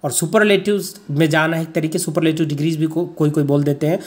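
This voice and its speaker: Teacher going slow through grammar rules, lists word pairs one by one, keeps saying friends. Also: medium pitch, steady tone, darkish tone. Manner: reads English rules slowly, word by word; keeps addressing viewers as friends. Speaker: English teacher. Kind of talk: online grammar lesson explaining slides in Hindi.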